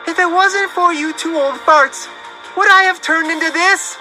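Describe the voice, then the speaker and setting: A man voicing a spoiled, furious young actress who shouts and begs. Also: animated, normal speed, over music. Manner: shrill shouting.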